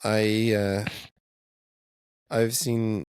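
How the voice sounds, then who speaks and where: A man's voice: on the low side, level tone, extremely slow, darkish tone, clean tone, no echo, studio quality. A man co-hosting a casual faith podcast, talking in a thoughtful, hedging way and laughing often. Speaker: podcast co-host.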